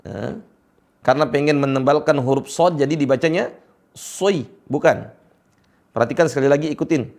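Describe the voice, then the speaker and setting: A man's voice: medium pitch, a little fast, vocal fry, a little mellow. A man teaching Quran recitation, patiently drilling each letter sound for his students.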